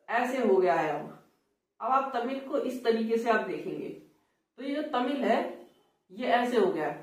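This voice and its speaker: A man teaching Hindi in a classroom style. He explains patiently, repeats words, and slowly demonstrates each sound. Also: extremely high pitch. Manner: slow, repetitive demonstration of sounds. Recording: roomy sound from a distant mic.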